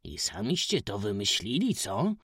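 A man reading as a hushed, weary gentleman stranger. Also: lowish voice, huge pitch swings, a little slow, husky, no echo, studio quality, heavily acted. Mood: quiet curious. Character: reserved, weary gentleman stranger, middle-aged. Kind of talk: audiobook character voice.

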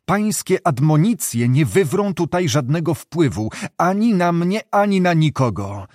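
A man's voice: on the high side, big pitch swings, unhurried, a little mellow, no echo, studio quality, pitched above the performer's own voice. A man voicing an irritated, condescending older male director of a health resort. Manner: testy, condescending.

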